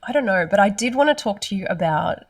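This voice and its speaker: A woman's voice: mid-range voice, lively intonation, quick pace, recorded from a distance, crowd noise. A woman co-hosting a casual chat, teasing her partner and laughing often. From Australia. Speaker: co-host, board game designer. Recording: dry, a bit off-mic.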